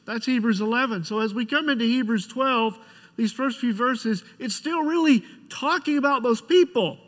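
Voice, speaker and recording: A middle-aged man preaching a church sermon in a conversational, pastoral way, with halting restarts as he tells stories and prays. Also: extremely high pitch. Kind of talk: church sermon with personal storytelling and prayer. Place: large church sanctuary. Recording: church hall with long reverb.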